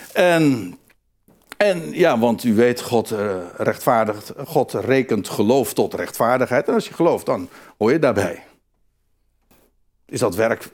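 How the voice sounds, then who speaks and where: A man preaching a sermon, emphatic and repetitive, often restarting his phrases. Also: mid-range voice. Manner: animated, emphatic, repeats phrases, frequent restarts.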